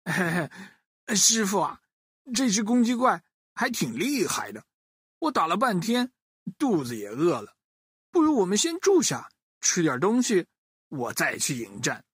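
A woman plays the proud monkey hero of a children's storybook. He is boastful and easily wounded, exclaiming dramatically with big swings in pitch. The sound is dry and close. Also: very animated, measured pace, breathy edge, no room sound, exaggerated voice. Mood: sheepish, bluffing.

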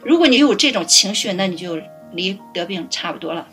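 A middle-aged woman caring for her parents, telling stories in a lively way and laughing often. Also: mid-range voice, a little fast, slightly rough, soft background music. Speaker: family caregiver guest. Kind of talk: casual interview storytelling.

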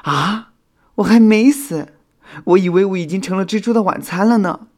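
A man doing a high, tearful girl firefly. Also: lively intonation, a little fast, dark tone. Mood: dazed. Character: young female firefly, grateful and emotional.

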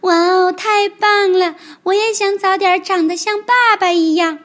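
A woman voicing a sweet, trusting baby ankylosaur in a squeaky, eager childlike voice. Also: animated, unhurried, fairly bright tone, heavily acted.

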